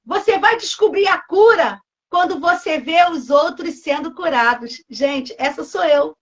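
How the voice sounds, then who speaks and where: A Brazilian pastor in her fifties gives an emotional, fervent testimony sermon, acting out dialogues with God. Her voice is high-pitched with lively intonation, and she speaks unhurriedly.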